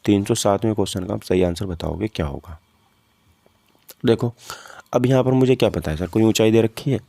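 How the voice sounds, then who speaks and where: A man teaching physics for exam preparation speaks a little fast in a fairly low, mellow voice with vocal fry. His informal style has him work through practice questions step by step, regularly asking and answering his own questions. The recording is dry.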